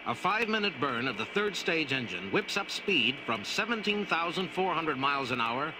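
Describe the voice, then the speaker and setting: A man's voice: a little high, very animated, moderate pace, background noise. A man reading scripted, dramatic documentary narration. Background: music.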